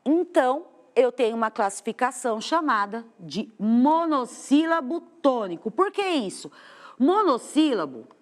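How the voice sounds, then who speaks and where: Brazilian woman, studio teacher, high and lively, asks the class questions as she explains. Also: unhurried. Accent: Brazilian Portuguese. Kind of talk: televised classroom lesson. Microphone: studio microphone.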